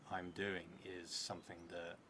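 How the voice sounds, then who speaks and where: A solo tabletop roleplayer and streamer in his thirties improvises a story at a table in a theatre room, his low voice level in tone and unhurried. He sounds hesitant and reflective, trailing off often, and the room recording is clearly noisy.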